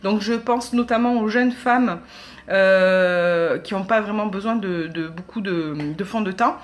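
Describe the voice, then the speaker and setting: A woman's voice: mid-range voice, unhurried. A woman, chatting casually as a beauty vlogger demonstrating makeup, with many hesitations. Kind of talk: casual product demo.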